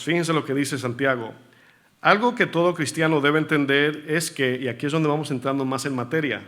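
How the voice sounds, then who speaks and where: A man's voice: a little high, a bit bright. A male pastor preaching a sermon in church, often asking the congregation questions and repeating key words for emphasis.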